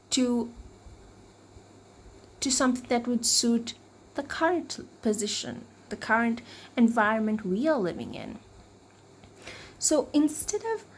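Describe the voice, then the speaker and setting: A woman talking to camera about mental health in a reflective, unscripted way, often searching for words and restarting, her voice cracking and her throat needing clearing. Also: fairly high pitch, a little hiss or hum.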